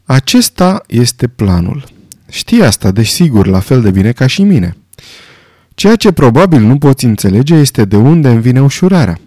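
A man reading the part of an old army general, speaking quietly, gravely and reflectively. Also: mid-range voice, big pitch swings, no room sound, studio quality. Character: old male army general, calm, weary, haunted.

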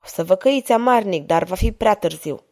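A woman's voice: medium pitch, expressive, a little mellow, close to an everyday voice. A woman voicing a spiteful, scornful male monk. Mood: venomous.

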